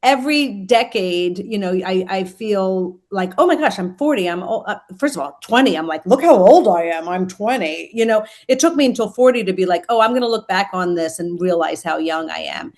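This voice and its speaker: A woman's voice: medium pitch, lively intonation, moderate pace, hardly any pauses, a little mellow. A woman in her fifties, a podcast guest, chatting casually in a rambling way with lots of fillers. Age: 50s. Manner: rambling, many fillers and restarts. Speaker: podcast guest, food company founder. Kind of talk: casual chat.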